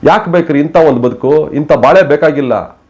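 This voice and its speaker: A man with a fairly high-pitched voice gives heated political commentary. He scolds his listeners in a fiery tone and fires off one rhetorical question after another. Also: moderate pace, darkish tone. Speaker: news commentator.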